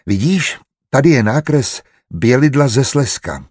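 A man's voice: on the low side, darkish tone, slightly rough, dry recording, studio quality. A man voicing a good-natured, learned male steward who explains plans eagerly and kindly in an audiobook. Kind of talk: audiobook character reading.

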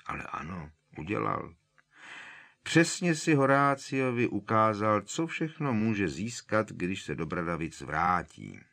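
Man doing a calm old headmaster wizard, dry and kindly, deep voice. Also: creaky, full character voice. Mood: warm.

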